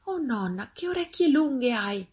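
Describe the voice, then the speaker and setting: A woman voicing a cheerful little girl in a fairy tale, speaking high and eager. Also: sing-song, unhurried, a little mellow, husky, full character voice. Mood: chirpy.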